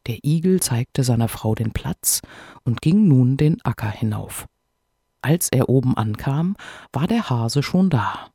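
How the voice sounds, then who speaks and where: A man reading a fairy tale aloud as a storyteller, in an expressive way. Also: mid-range voice, unhurried, breathy edge, no room sound, studio quality.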